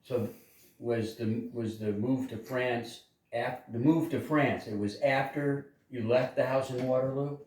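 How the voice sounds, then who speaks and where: A man's voice: medium pitch, steady tone, a little slow, darkish tone. Man questioning casually in an echoey room. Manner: repeats himself to check details. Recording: echoey room, distant mic.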